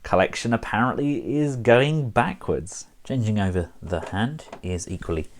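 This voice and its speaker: A man's voice: fairly low pitch, lively intonation, normal speed. A man casually reviewing a collectible action figure, chatty with wry asides.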